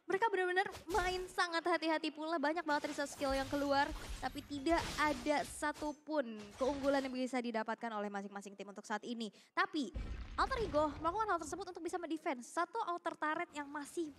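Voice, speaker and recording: Female esports co-caster, high-pitched, conversational and explanatory live analysis. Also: brisk, a bit bright, slight background noise. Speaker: esports match co-commentator.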